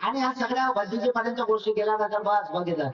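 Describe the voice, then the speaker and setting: High-voiced monk telling a story in a hall. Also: male voice, fast. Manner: animated storyteller acting out the characters. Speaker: Buddhist monk. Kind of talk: sermon with storytelling. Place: meditation camp hall. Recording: dull, echoey, from far off.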